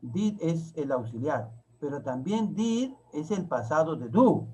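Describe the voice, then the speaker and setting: A man's voice: on the high side, sing-song, dark tone, a little hiss or hum, rough recording. A man from Peru, teaching an English grammar lesson and repeating example sentences word by word. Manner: slow, repeats and spells out each word of examples.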